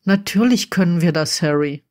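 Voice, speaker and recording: A reader whispering as husky, tender blond wizard lover. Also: male voice, high voice, moderate pace, lightly acted. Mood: amused. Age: 40s. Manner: soft, coaxing, reassuring. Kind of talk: whispered role-play.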